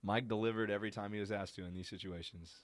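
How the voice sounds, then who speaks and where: A man hosting a live watch-along podcast, giving chatty, excited commentary and talking to his listeners. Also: fairly low pitch, quick pace. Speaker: podcast host.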